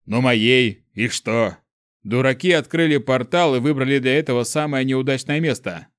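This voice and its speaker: A man voicing a male guardian who grumbles and mocks in a gruff, offhand way. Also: mid-range voice, normal speed, no room sound, studio quality, close to an everyday voice. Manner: grumbling, mocking. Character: gruff teasing male keeper, old ancient being.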